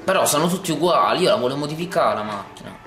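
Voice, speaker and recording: A man commentating his racing game let's play, excitable and swearing often, talking over the game sounds. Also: a little high, rapid-fire. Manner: says he talks oddly when excited on video. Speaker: gameplay video host. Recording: echoey room with loud game music.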